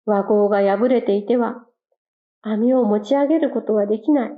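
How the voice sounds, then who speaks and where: A woman voicing a wise, calm male quail king who speaks in an earnest, measured way. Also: on the high side, natural voice. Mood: grave. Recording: dull lo-fi recording.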